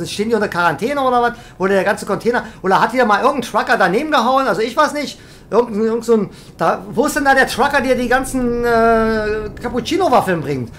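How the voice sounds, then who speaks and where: There's a little hiss or hum behind this woman's slightly high voice. She's a gaming streamer playing a truck driving game, reading chat live and teasing her viewers in a rambling, mock-indignant manner.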